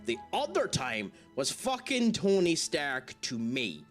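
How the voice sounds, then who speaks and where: Lively higher-voiced man swearing through a game. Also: takes it slowly, faint music behind. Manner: frequent casual swearing. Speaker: gaming streamer. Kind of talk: live playthrough commentary.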